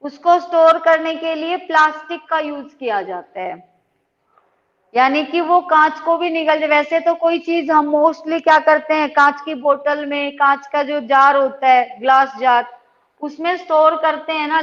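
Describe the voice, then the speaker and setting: A high-voiced woman teacher speaks slowly and patiently, checking in with her students often. The sound is dull and lo-fi, with a long echo trailing each word. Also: a bit bright. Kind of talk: online class lesson. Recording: dull lo-fi audio with long reverb.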